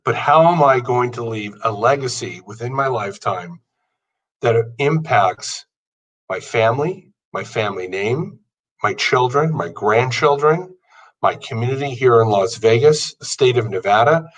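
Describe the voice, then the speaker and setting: With medium pitch and a normal speed, a man in his fifties hosts a podcast and delivers an earnest motivational monologue made of long lists. The recording is low-quality and made from a distance.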